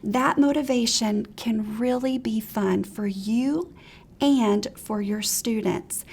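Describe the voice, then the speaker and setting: Teacher trainer, woman, high and a little gravelly, upbeat instructional talk. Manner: encouraging, practical, animated examples.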